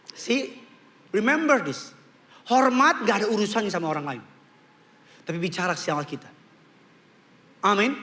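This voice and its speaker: A man preaching a humorous, animated sermon to a congregation in church, slipping English phrases into his talk. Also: very high voice. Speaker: pastor.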